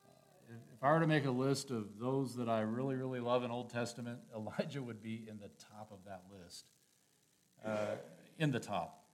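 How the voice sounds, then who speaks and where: A man preaching a sermon, reading scripture aloud and commenting on it, swinging from hushed, slow phrases to loud, emphatic peaks. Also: medium pitch. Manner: reads scripture aloud and adds his own commentary.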